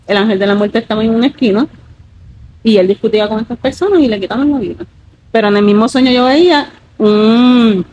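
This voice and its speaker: Woman, 30s, slightly high pitch; earnest testimony with many fillers. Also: darkish tone, low-quality recording. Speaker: guest giving a testimony. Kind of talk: emotional personal testimony.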